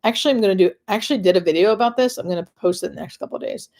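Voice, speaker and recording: A woman's voice: mid-range voice, very fast, creaky, darkish tone. An American woman working as a hospice nurse answers questions on a casual live stream, explaining things conversationally with stop-and-start phrasing and emphatic repetition.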